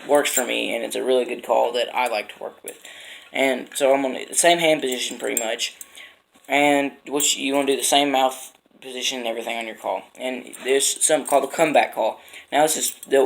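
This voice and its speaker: A man giving an informal how-to demonstration as an instructor, explaining in a halting, unpolished way. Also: mid-range voice, gravelly, low-quality recording. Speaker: instructor demonstrating duck and goose calls.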